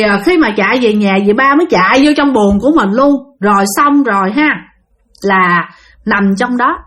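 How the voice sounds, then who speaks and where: A woman's voice: mid-range voice, a bit bright. A woman telling a ghost story, addressing her listeners directly.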